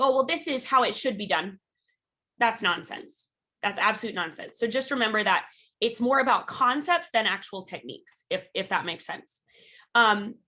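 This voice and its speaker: Bright, frank woman leading self-defense drills. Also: medium pitch. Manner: frank, encouraging, many "um" fillers; calls out drill cues with rising energy. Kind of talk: live online workshop instruction. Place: her home.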